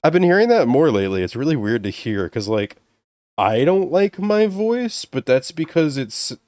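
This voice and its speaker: A young man with a deeper voice winds down a live stream, chatting casually with viewers in a relaxed, rambling, self-deprecating way while sounding tired and strained. He speaks at a moderate pace, and the clean studio sound has no echo.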